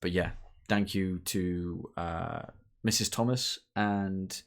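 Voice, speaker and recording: Low-voiced man chatting on a live stream. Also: fairly even intonation, slow pace. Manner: rambling, full of restarts and fillers. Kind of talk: casual chat, reading viewer questions.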